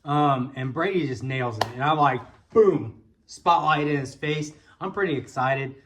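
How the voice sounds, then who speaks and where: A folksy American man from Indiana, a vlog host and bowfishing guide, tells a casual personal story in colloquial language. His voice is a little high and fairly bright in tone, and he speaks a little slowly.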